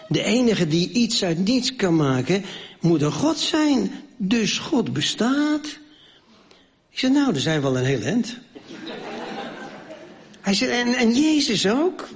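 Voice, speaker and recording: A man preaching a sermon, reading scripture aloud and asking the listeners questions, his voice rising and falling. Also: sits high. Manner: storytelling, rhetorical questions, swings between raised and hushed.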